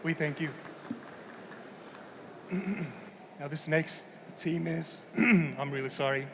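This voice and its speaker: A male host makes informal stage announcements in a croaky, froggy voice, sounding under the weather. His pitch is slightly high and moves little. There is faint noise around him. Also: steady tone, slow pace, fairly bright tone. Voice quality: croaky, frog-like voice. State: ill, croaky voice. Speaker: event host.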